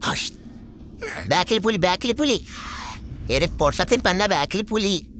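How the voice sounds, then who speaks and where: A man giving live gameplay commentary as a gaming host, excitable and repeating words in quick bursts. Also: high voice, background noise.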